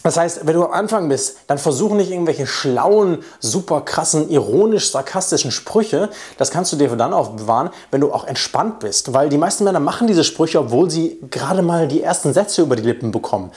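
A man's voice: a little high, expressive, a little fast, hardly any pauses, a little mellow. A young man as a dating coach talking straight to the camera in a casual way, acting out quoted lines in changed voices. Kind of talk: direct-to-camera coaching talk.

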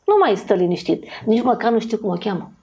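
A woman talking as a podcast guest in a casual, animated way, acting out what people say. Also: medium pitch, vocal fry. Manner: animated, acts out quoted voices.

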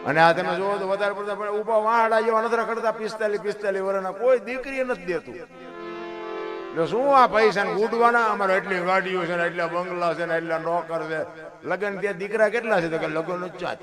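A middle-aged man with a Kathiawadi Gujarati accent telling folk stories and moral sayings in a folksy manner. He calls his listeners "bapu" and now and then bursts into high, loud exclamations. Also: fairly quick, music in the background. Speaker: folk storyteller. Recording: musical accompaniment playing behind the voice.

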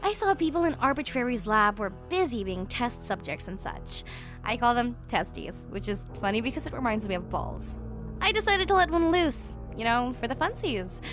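A female voice plays a gleefully cruel, playful goddess of destruction in a horror audio drama, delivering a villain monologue in full character voice. Pitched high and very animated, she is theatrical, mocking and giggly, swinging from sweet to venomous in a gleeful, playful mood.

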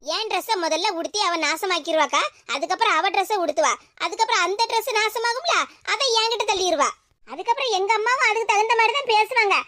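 A woman's voice: very high voice, fast talker, bright, forceful tone, no echo, studio quality. A woman voicing a whiny, bickering teenage younger daughter with a Tirunelveli accent in a cartoon. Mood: whining complaint. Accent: Tirunelveli Tamil. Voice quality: complaining, whining. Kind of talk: animated cartoon voice acting.

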